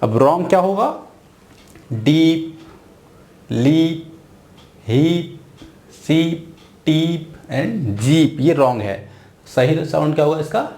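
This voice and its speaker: A man's voice: on the high side, gravelly, a little mellow. A man teaching an English phonics lesson at a board, drawing out and repeating each sound. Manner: slow, drawn-out, repeating sounds.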